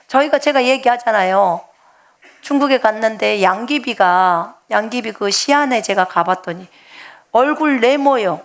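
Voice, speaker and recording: A fairly high-pitched woman preaches to her congregation as a missionary. She jokes with them and talks to them directly. Her delivery jumps between loud, emphatic lines and quiet asides. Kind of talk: afternoon church sermon.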